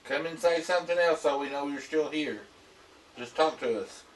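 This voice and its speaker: A man on a ghost hunt calmly coaxes a spirit to speak and talks with his partner. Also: on the high side, normal speed. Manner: calm, coaxing the spirit to speak. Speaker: paranormal investigator. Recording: distant mic with faint hiss.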